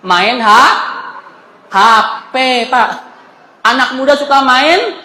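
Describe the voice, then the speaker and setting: A man's voice: extremely high pitch, lively intonation, slow pace, sharp tone, echoey room, long reverb tail, rough recording. A male preacher giving a humorous, colloquial sermon in a mosque, joking with and addressing the audience directly. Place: mosque hall.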